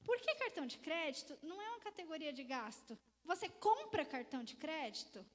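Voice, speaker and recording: Brazilian woman, high voice, lively storyteller leading a church finance seminar on a mic, long hall reverb. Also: a little fast. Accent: Brazilian Portuguese. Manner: lively storytelling, acts out conversations with clients. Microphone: microphone.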